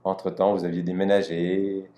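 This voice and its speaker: Low, mellow-voiced French man in an echoey room. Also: little pitch movement, normal speed. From France. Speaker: interviewer, host. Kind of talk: interview introduction.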